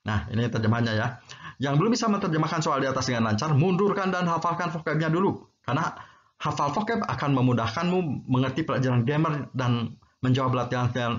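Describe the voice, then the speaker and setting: A man's voice: mid-range voice, fairly bright tone. A man giving a casual language lesson, explaining patiently and checking in with his listeners. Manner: explains slowly, checks in with "ya" and "gitu ya". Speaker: English teacher. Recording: dull lo-fi recording.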